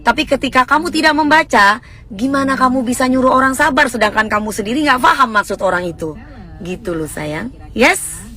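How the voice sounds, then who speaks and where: A woman's voice: fairly high pitch, animated, bright, forceful tone. A woman in her thirties with an East Javanese accent, chatting casually and emphatically with viewers on a livestream. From East Java, Indonesia. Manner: emphatic, fiery and fast, self-described as fervent. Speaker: livestream host answering viewers.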